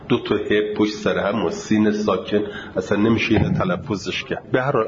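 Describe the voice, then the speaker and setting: A man teaching a class on grammar and recitation. He reads passages slowly, then explains them quickly in casual speech. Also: lowish voice, a little hiss or hum. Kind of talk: classroom lecture on Arabic grammar and Quran recitation. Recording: dull lo-fi lecture recording.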